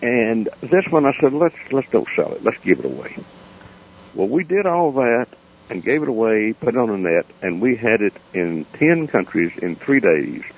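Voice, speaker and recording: A folksy man with an Appalachian accent talks as a guest in a radio interview. His voice is on the low side, with a gravelly edge and a husky grain. He tells things plainly and without hurry, over slightly dull, lo-fi sound. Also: big pitch swings. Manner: folksy, plain-spoken, unhurried. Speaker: interview guest, founder of a foundation. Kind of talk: unscripted storytelling in a radio interview.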